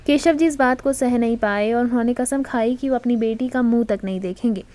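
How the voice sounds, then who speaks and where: A woman's voice: a little high, a little fast, dark tone. Woman narrating a romance audiobook. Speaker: storyteller.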